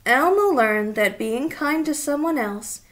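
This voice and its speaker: A high, expressive female voice, a little slow in pace, belongs to a thirtysomething woman reading a children's story aloud. She performs it with feeling and quizzes the young listeners, all within a small indoor room.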